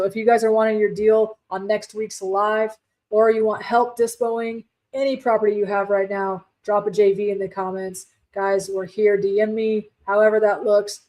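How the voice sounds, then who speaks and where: A woman's voice: medium pitch, a little mellow, poor audio. A woman hosting a casual live stream, chatty and firm, with many fillers and restarts. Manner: firm and direct. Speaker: livestream host, real estate wholesaler.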